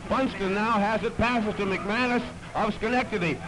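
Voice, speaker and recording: A man's voice: high voice, normal speed. A man calling a basketball game play by play, heard as a played-back early 1930s archive recording. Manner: plain, steady play-by-play calling. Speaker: basketball commentator. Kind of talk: live play-by-play commentary. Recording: noisy, hissy old archive recording.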